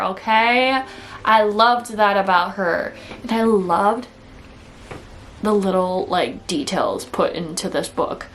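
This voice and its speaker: A woman's voice: mid-range voice, fairly bright tone, slight background noise. Woman, Minnesota accent, casual book-review vlogger, chatty and filler-heavy, mid-range voice. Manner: chatty, fills talk with "like" and "okay?". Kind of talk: casual monthly reading wrap-up.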